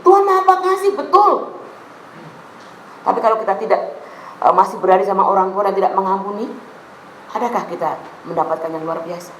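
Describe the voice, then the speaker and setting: A middle-aged woman pastor with a Javanese accent, preaching a lively sermon in a church hall and slipping into local phrases. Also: mid-range voice, fast, slight background noise. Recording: echoey room with faint ambience.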